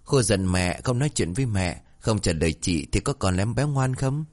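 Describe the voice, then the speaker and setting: A man voicing a gentle, caring young woman who speaks softly and coaxingly. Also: lowish voice, expressive, a little fast. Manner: soft, coaxing.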